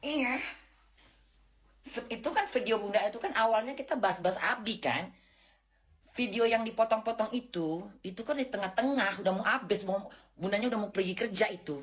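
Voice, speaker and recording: A woman's voice: medium pitch, moderate pace. A middle-aged woman chatting on a casual live stream at home, brash and rambling, with slang and self-mocking asides.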